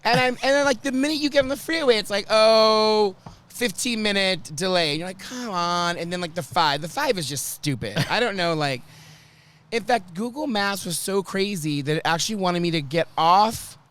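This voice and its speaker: A hungover man hosting a casual chat show, sounding rough as he tells animated, self-mocking stories and acts out what people said. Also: sits high, moderate pace. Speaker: talk show host. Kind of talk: casual chatty storytelling.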